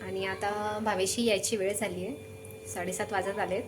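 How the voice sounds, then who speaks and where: A woman's voice: mid-range voice, fairly even intonation, moderate pace, background noise. A young woman chatting casually to camera in her home kitchen while coaxing her toddler. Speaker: vlogger and mother. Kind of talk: casual home vlog chat.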